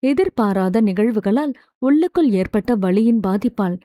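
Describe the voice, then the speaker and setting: A woman narrating a romance novel audiobook with steady, expressive storytelling. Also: mid-range voice, normal speed, dry recording, clean studio sound.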